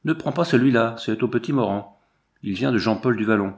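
A man's voice: medium pitch, a little fast, natural voice. A man reading aloud, voicing a young altar boy who chatters and prods with questions. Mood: chatty.

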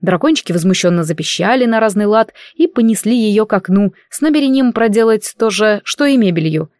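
A woman reading a fantasy novel aloud as an audiobook narrator in steady storytelling. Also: medium pitch, fairly quick, dry recording, studio quality. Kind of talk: scripted narration.

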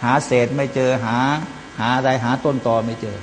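Speaking at a normal speed in a mid-range voice with fairly even intonation, an Islamic preacher offers Quran commentary. He intersperses chanted Arabic verses with plain explanations and greets listeners as brothers and sisters, amid long hall reverb and a faint mains hum.

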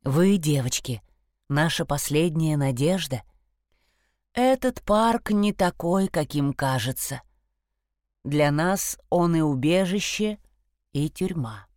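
Storybook role: a woman reading a low, solemn old-forest stag, unhurried. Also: animated, darkish tone, no room sound, studio quality. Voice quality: low, slow, grave.

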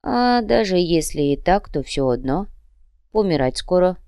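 A woman voicing a stern, dying old male monk who speaks slowly and curtly. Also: on the low side, lively intonation, dark tone, smooth, dry recording, studio quality. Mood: defiant. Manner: slow, weighty, curt speech. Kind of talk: audiobook character reading.

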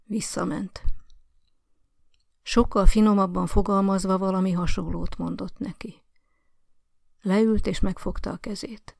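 A woman reading short stories aloud as an audiobook narrator, in a calm and measured storytelling manner. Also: mid-range voice, gravelly, no room sound, studio quality. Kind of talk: scripted narration.

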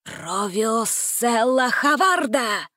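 A woman voicing a grumpy, sly old male sorcerer in a storybook reading, drawing out his proclamations slowly. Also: very high voice, sing-song, bright, forceful tone, no room sound, studio quality, exaggerated voice. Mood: grumbling, solemn. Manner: slow, drawn-out proclamations.

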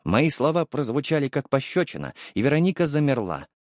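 A man narrating a first-person audiobook with expressive, wry storytelling. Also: medium pitch, brisk, no room sound, studio quality.

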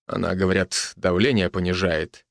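A gruff army major, tender with his wife, his voice dropped low and hushed. A male audiobook narrator voices him. Slow and measured, recorded dry. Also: flat delivery, no echo. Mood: decisive.

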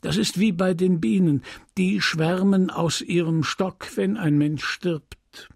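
A man's voice: high-pitched, takes it slowly, gravelly, dry recording, clean studio sound, voice pushed up, full character voice. A man reading as an earnest old village priest. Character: sturdy older male village priest, superstitious.

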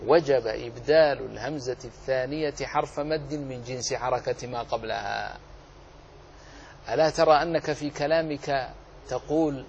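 A man teaching the rules of Quran recitation, explaining slowly, drawing out example words and asking and answering his own questions. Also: on the high side, a little hiss or hum. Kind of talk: tajweed lesson.

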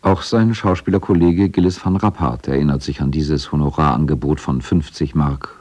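This narrator, a man with a slightly rough, low and warm voice, reads from a scripted radio feature. He sounds measured and factual, his tone dark and relaxed.

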